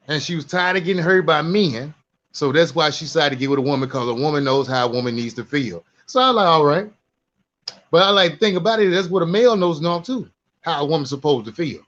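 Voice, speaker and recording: A man's voice: on the high side, fairly bright tone. A man, co-hosting a podcast, telling a story and preaching a little. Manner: storytelling, preachy, keeps saying "you know what I'm saying". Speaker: podcast co-host. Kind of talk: casual opinion talk. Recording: dull lo-fi sound.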